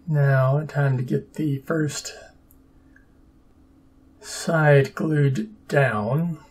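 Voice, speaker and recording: A man's voice: on the high side, fairly even intonation, very slow, a little mellow, husky. A man narrating his own papercraft build in a casual, dry, sarcastic and self-deprecating way. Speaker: papercraft hobbyist.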